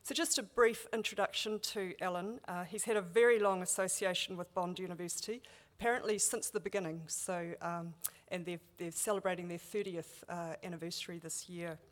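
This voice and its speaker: A woman's voice: on the low side, steady tone, fairly quick. A woman from New Zealand with a Kiwi accent, chairing a conference and welcoming the audience in a casual, filler-laden manner.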